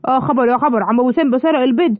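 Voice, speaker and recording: A woman's voice: high-pitched, very fast, dry recording, pitched below the performer's own voice, natural voice. Woman doing a stern Egyptian police officer. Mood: officious. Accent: Egyptian Arabic. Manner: officious, lecturing. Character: male police officer, stern but soft-hearted. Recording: dull lo-fi, clear background noise.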